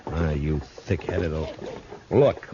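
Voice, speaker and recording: An actor playing a steady, firm American frontier marshal with a dry, plain-spoken manner in a 1950s radio western. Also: male voice, very deep voice, slow pace. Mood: probing, exasperated. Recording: noisy, dull vintage radio recording.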